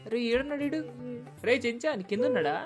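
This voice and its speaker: A woman voicing an exasperated young man who scolds and shouts at a kid, in a game dub. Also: a little high, animated, fast, over music, natural voice. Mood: shouting. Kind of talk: game dub role-play.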